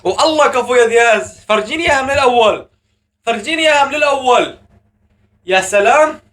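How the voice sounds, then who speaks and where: A man hosting a live football match reaction, shouting and chanting at the goals. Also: extremely high pitch, animated, fast talker, distant mic. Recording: echoey room, voice a bit off mic.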